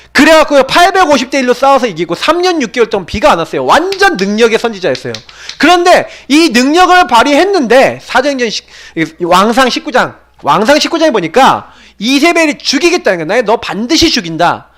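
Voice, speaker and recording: A male pastor preaching in a high voice that leaps up and down with feeling. He tells the story with animated emphasis and keeps firing rhetorical questions at the congregation. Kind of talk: sermon.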